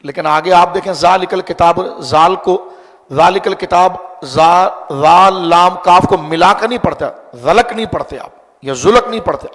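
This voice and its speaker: A man's voice: fairly high pitch, in a large hall. A man, an Islamic scholar, giving a sermon that explains scripture and asks his listeners rhetorical questions.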